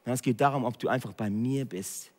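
A man, preaching a direct sermon that swings between hushed and loud emphatic passages. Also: mid-range voice, fairly quick, big-room sound. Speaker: pastor.

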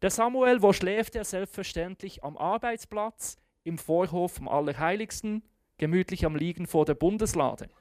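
A preacher telling a story in a sermon with casual, slangy drama. The voice sits at a middle pitch. The recording is dry and close, with no room sound. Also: moderate pace, darkish tone, dry recording.

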